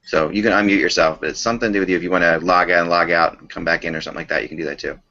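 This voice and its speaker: A man's voice: sits low, steady tone, very fast, pushed and bright. A man hosting a casual sports podcast discussion over a remote online call, often repeating and rephrasing his points. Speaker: podcast host. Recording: dull lo-fi online call audio.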